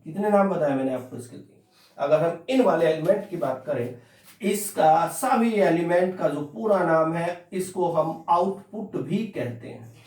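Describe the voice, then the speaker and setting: High-voiced male math teacher, echoey room. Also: a little mellow, distant mic. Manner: repeats points slowly, keeps asking students to listen. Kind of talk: classroom lecture.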